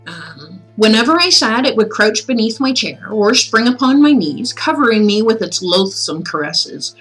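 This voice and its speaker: The recording is rough and soft music plays as a woman with a voice a little high reads classic tales aloud on her livestream. Expressive, measured reading alternates with casual, chatty, playful asides.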